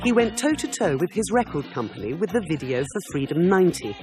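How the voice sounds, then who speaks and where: A man giving scripted documentary narration in a measured, dramatic way. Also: a little high, very animated, darkish tone, faint music behind.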